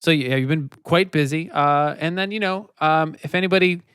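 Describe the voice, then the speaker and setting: A man's voice: fairly high pitch, moderate pace, fairly bright tone, clear, resonant tone, dry recording, clean studio sound. A man hosting a casual podcast, asking loose, meandering questions. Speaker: podcast host. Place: podcast studio.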